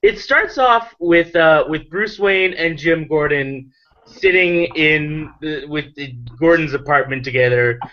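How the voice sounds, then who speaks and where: A man's voice: fairly high pitch, unhurried. A drunk man hosting a casual chat, rambling with loose restarts. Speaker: host. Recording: dull lo-fi sound.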